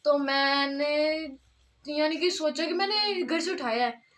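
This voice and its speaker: A woman's voice: high voice, expressive, measured pace, fairly bright tone, slight background noise. A woman with a Saraiki accent telling her vlog viewers a rambling story, emotional and half laughing, half tearful. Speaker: vlogger.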